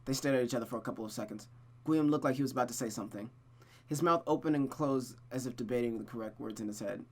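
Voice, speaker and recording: A streamer reads a visual novel aloud in a mid-pitched voice, narrating expressively and fast while tossing in casual asides.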